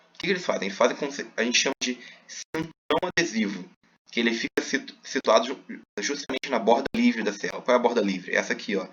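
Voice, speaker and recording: A man's voice: medium pitch, fairly bright tone, lo-fi sound. A man teaching a recorded class, explaining step by step with many fillers.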